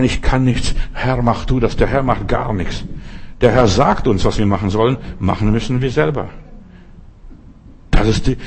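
Older guy pastor preaching, husky voice, slows way down to hammer points home. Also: mid-range voice, darkish tone. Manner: preaching with slow emphatic repetitions. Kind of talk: sermon.

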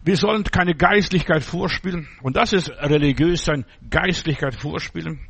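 A man's voice: on the high side, moderate pace, creaky, fairly bright tone, breathy edge. A man preaching an informal sermon, blunt and mocking, in short broken phrases.

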